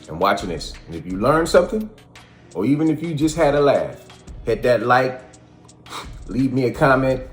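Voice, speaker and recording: An American man hosting a casual how-to vlog, chatting in a folksy, colloquial way. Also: mid-range voice. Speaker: video host.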